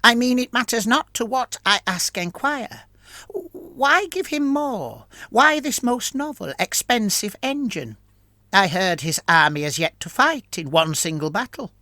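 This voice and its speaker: A man's voice: high voice, very animated, unhurried, bright, forceful tone, no room sound, clean studio sound, pitched above the performer's own voice, exaggerated voice. A man voicing a curious male ratman soldier who asks questions in clipped, broken grammar. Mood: questioning.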